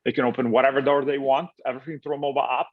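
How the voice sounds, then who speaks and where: A man's voice: mid-range voice, little pitch movement, very fast. A man from Italy, a business founder, talks through his answers in a casual interview, stopping often, piling up fillers and repeating words as he thinks aloud. His voice sits in an ordinary middle range. The audio is a bit dull and lo-fi.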